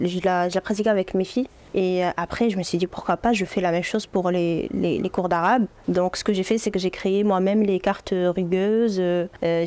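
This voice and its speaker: Speaking in a lowish voice, a thirty-something Moroccan woman who speaks Arabic answers interview questions as an Arabic teacher, her tone gentle, earnest, and measured.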